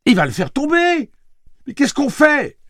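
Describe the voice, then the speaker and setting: A man voicing a panicked young woman companion of a gunslinger, shouting frantically in a very high voice. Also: animated, slow pace, vocal fry, husky, dry recording, studio quality, full character voice.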